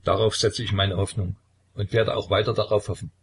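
A man voicing a despairing young tsarevich who mourns in a sighing lament, with a low, husky voice. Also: little pitch movement, fairly quick. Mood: resigned.

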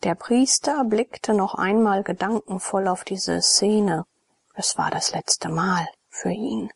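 A woman narrating a classic novel in a soft, often unvoiced whisper, as a whispered audiobook reading. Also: mid-range voice, takes it slowly, gravelly, husky, no room sound.

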